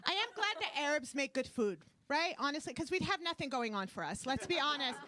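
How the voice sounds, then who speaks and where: A Canadian woman with a Brooklyn-sounding English accent performs stand-up on a club stage before a live audience, firing brash, self-mocking punchlines into a handheld mic. Her high voice is sing-song, fairly quick, pushed and bright.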